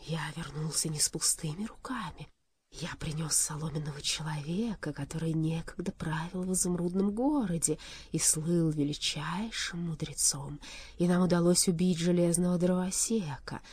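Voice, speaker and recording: A woman voicing a timid winged lizard-man servant who speaks in a dull, breathy half-whisper. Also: lowish voice, steady tone, normal speed, darkish tone, no echo, natural voice. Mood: downcast.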